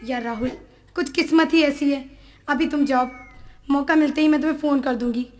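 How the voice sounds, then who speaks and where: A woman's voice: high voice, steady tone, a little fast, natural voice. A young woman playing a cruel, scheming sister-in-law who snarls threats in a rural film. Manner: snarling threats, fake tearful whining. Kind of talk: rural Hindi film acting.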